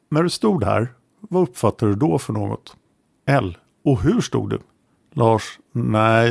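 A man narrating a true-crime podcast, reading an interrogation transcript aloud in a measured, matter-of-fact way and naming each speaker before their lines. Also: mid-range voice, vocal fry, darkish tone, no echo, studio quality.

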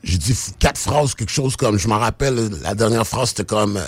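Low-voiced Québécois man telling stories. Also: fairly quick, husky, dry recording. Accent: Québécois French. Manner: relaxed storytelling, mixing in English slang, frequent restarts. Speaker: rapper and podcast guest. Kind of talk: casual chat.

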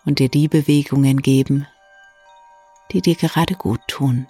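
Speaking softly and hushed, with long pauses, a meditation guide and bedtime story reader leads a soothing evening relaxation for bedtime. The voice is medium-pitched with a breathy edge, over a calm bed of soft new-age music.

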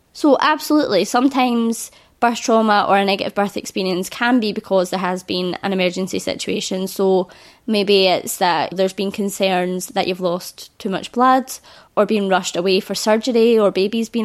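This solo podcast is hosted by a birth educator in her thirties whose mid-range voice carries a slight croak from illness. She speaks earnestly and reassuringly.

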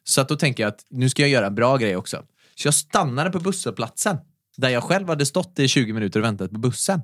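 A young adult man hosting a casual podcast, telling a story with plenty of swearing. He slips into the voices of the people he quotes. His voice sits at a middling pitch, recorded close and dry. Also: very animated, fairly bright tone, no echo. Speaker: podcast host.

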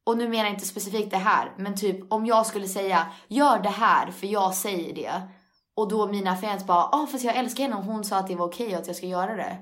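A young woman talking openly with a friend, lively and quick to laugh. She mixes Swedish with English phrases and speaks candidly about her own feelings. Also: medium pitch. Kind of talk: casual chat.

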